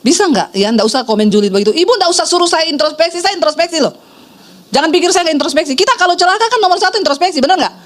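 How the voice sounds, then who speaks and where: Rapid-fire and very high-voiced, a middle-aged woman pastor preaches by telling a story and animatedly voicing the people she quotes.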